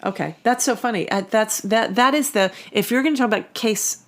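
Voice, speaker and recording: A woman co-hosting a podcast, chatting in an animated way and laughing easily. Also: a little high, brisk. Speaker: podcast co-host. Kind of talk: casual conversational podcast chat.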